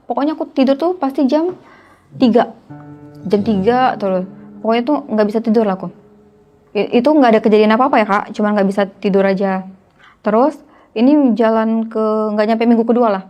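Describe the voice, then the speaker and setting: A woman's voice: fairly high pitch, a little fast, dull audio. A young woman, telling a horror story casually to a host, often addressing the host as "Kak". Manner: chatty, keeps addressing the listener as "Kak". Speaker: guest storyteller.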